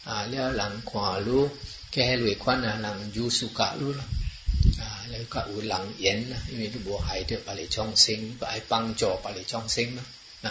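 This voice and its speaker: A man talking casually and at length, rambling along with many fillers and switching between languages. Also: fairly low pitch. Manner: rambling, mixes in Chinese and English words, many "ah" fillers. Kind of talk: casual explanatory talk. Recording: muffled, roomy, noisy recording.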